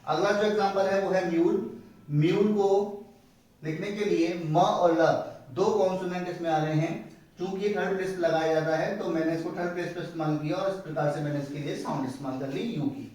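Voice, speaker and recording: A man with a fairly high voice teaches a step-by-step lesson, repeating each word as he explains it. He sits a little away from the mic in a very echoey room. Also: a little mellow, recorded from a distance. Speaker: shorthand teacher.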